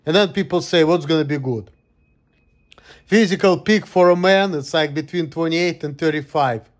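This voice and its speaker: A man in his late thirties talks straight to camera in a loose vlog monologue. His voice sits a bit high, and he vents in a gloomy, profane way. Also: normal speed. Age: 30s. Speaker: vlogger. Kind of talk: casual monologue.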